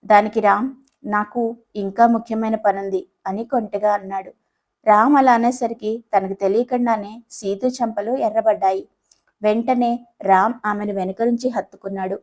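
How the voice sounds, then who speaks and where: A woman narrating a romantic family audio story in a steady, gentle storytelling manner. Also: mid-range voice, normal speed, rough recording.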